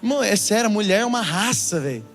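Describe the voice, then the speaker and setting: A young pastor from Brazil with a high voice, preaching through a comic story in an animated way. His words ring out in a church hall with long reverb. Soft music plays underneath. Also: quick pace. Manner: animated, keeps calling the listener brother. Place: church auditorium.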